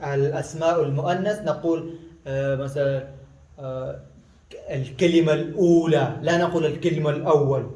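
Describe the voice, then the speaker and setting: A man whose first language is Pashto teaches numbers in a slow language lesson, repeating each word and pausing with drawn-out "ah" sounds. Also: fairly high pitch, steady tone, darkish tone, echoey room, poor audio. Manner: repeats words slowly with many drawn-out "ah" pauses.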